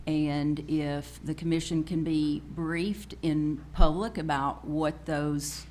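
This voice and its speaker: A woman making a polite, careful formal request at a public meeting, pausing often as she goes. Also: low-pitched, fairly even intonation, a little mellow, slight background noise.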